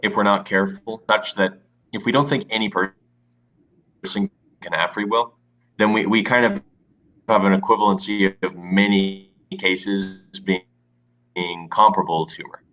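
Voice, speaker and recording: A man's voice: deep voice, fairly even intonation, normal speed, fairly bright tone, a little hiss or hum, low-quality recording. A man in a casual discussion over a video call, speaking hesitantly and restarting phrases, his audio corrupted and glitchy with dropouts. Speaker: discussion participant.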